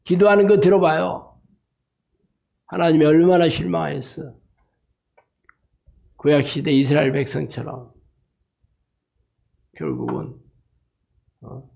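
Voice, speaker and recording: A man's voice: a little high, fairly even intonation, slow, gravelly, pauses often, lo-fi sound. A male pastor preaching a sermon emphatically, breaking in with rhetorical tag questions and anecdotes. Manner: emphatic, frequent rhetorical "eh?" tags; tells jokes and anecdotes.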